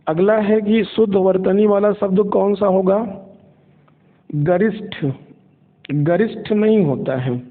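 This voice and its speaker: High-voiced male teacher on a tinny line. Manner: steady, methodical, repeats each answer. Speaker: exam prep teacher. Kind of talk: spoken quiz lesson. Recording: tinny phone-like recording.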